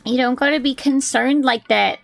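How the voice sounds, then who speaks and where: A woman streamer with a hoarse, gravelly voice chats casually with her live viewers from her desk, rambling and laughing often. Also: high voice, fairly even intonation, normal speed, no echo. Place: at a desk indoors.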